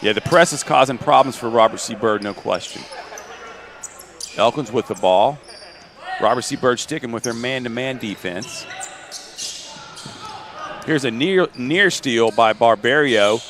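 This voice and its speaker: A male announcer calls school basketball play-by-play in a middle-pitched voice. His calls are brisk, and they swell with excitement on drives and shots. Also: a little hiss or hum. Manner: brisk, excitable calls that rise on big plays.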